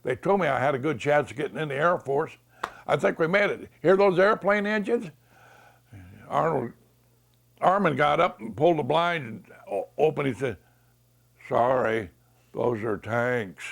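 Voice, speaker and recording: An American man in his nineties, an old war veteran remembering his service, telling anecdotes in a creaky, gravelly voice and acting out remembered dialogue. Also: a little high, expressive, moderate pace, long pauses. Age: 90s. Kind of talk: oral history reminiscence.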